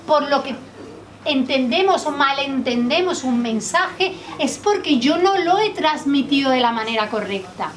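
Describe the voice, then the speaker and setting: A woman from Spain leading a public speaking workshop in a training room, lively and quizzing the group with questions. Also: high-pitched, unhurried. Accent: Spanish from Spain. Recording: distant mic, faint background noise.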